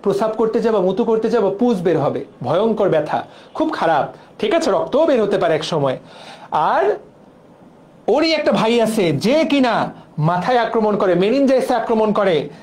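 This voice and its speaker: A man's voice: high-pitched, sing-song, moderate pace, darkish tone. A young man from Bangladesh teaching a biology exam-prep class, drilling memory tricks through repetition. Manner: playful, drills mnemonics with repetition. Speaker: biology lecturer.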